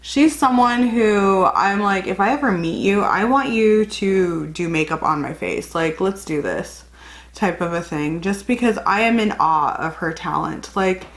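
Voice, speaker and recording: Here a young woman with a slight cold hosts a laid-back makeup tutorial as a beauty vlogger, chatting, rambling, and self-correcting. She speaks at a measured pace in a medium-pitched voice with lively intonation.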